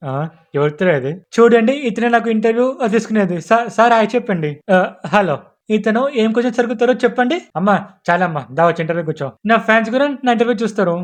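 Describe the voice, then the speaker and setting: A man's voice: sits high, fast talker, pitched above the performer's own voice, natural voice. A man voicing a spoiled, giddy young woman influencer. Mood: preening.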